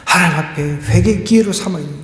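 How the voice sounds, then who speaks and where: A man's voice: high-pitched, fast, fairly bright tone. A male pastor preaching an expository sermon at a Friday prayer meeting, emphatic, with rhetorical questions and vivid sound words. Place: church sanctuary. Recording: echoey church hall with long reverb.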